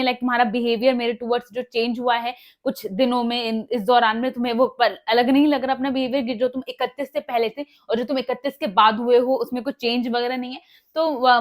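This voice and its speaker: A woman casually retelling a reality show episode, mixing in English words and acting out quoted dialogue with many fillers. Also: high-pitched. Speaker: show recap vlogger. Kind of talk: casual spoken recap.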